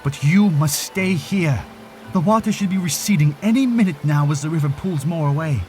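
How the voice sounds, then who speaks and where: A man's voice: fairly high pitch, moderate pace, darkish tone, soft background music, natural voice. A man playing a resolute, protective fish-folk prince in an audio drama, speaking with urgent, commanding determination. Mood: urgent, determined. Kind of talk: cinematic audio drama acting.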